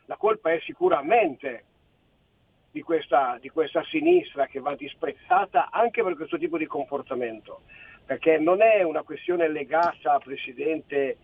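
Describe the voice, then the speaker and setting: A phone-in caller on a radio show, a man in his sixties with a gravelly, husky voice pitched a bit high. He comes through a tinny phone line and talks in an indignant, rambling way, circling back over his own points. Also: big pitch swings, unhurried. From Friuli Venezia Giulia, Italy. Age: 60s. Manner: rambling, indignant, repeats himself. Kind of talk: heated political phone-in.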